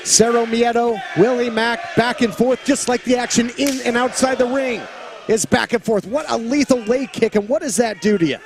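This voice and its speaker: A man calling a wrestling match play-by-play as an excited commentator, with loud, dramatic calls of the moves. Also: very high-pitched, normal speed, noisy background. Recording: loud arena crowd and music behind. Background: cheering crowd and music.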